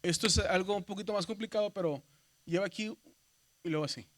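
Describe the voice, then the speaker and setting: A man teaches a classroom of seminary students. He walks them slowly through the Greek alphabet, checking in with them again and again and naming each letter aloud. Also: high voice, a bit bright. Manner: patient, repeats "¿verdad?" and spells letters aloud; addresses students as brothers. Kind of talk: classroom lesson.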